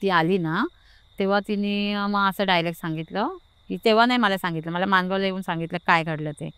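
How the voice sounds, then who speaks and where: A woman's voice: medium pitch, fairly quick, fairly bright tone, clear, resonant tone, dry recording. A middle-aged woman with a Marathi accent tells a personal story in casual talk, hesitant and full of fillers, acting out what others said. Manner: hesitant, many fillers and restarts, voices others in quotes. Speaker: interview guest telling her experience.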